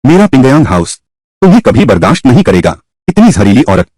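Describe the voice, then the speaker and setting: A man's voice: medium pitch, sing-song, brisk, a little mellow, slightly rough, dry recording. A man voicing an arrogant young nobleman who insults his wife and lectures his mother in a dubbed story. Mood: contemptuous. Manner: contemptuous, lecturing.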